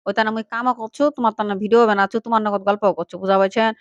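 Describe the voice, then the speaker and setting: A woman's voice: mid-range voice, little pitch movement, racing, no echo, dull audio. A woman vlogger with a Panchagarh regional Bengali accent, chatting directly to her viewers in a casual, friendly way. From Panchagarh, northern Bangladesh.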